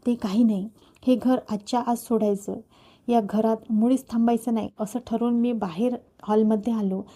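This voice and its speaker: A woman's voice: a little high, dark tone. A woman storyteller reading a novel aloud in the first person, voicing the dialogue in her own voice with a Marathi accent.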